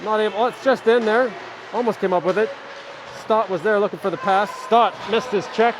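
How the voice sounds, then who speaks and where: A middle-aged man with a fairly high voice calls a hockey game live at an ice rink. His amateur play-by-play is quick and easygoing, with friendly asides between plays, and steady rink noise can be heard clearly behind him. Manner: rapid play-by-play with relaxed chatty asides. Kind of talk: amateur live sports commentary.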